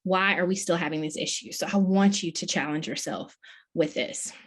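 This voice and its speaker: A woman's voice: on the low side, steady tone, normal speed. A middle-aged woman, a professor, delivering a conference keynote in an earnest, emphatic way, with many questions. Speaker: plenary speaker, professor.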